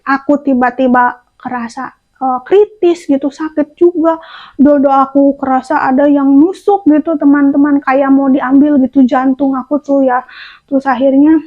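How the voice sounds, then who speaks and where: Woman vlogger, high pitch, chatty storyteller, thin phone-line audio. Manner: chatty, repeats "aku bilang gitu" often. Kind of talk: storytelling to viewers. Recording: tinny phone-like sound.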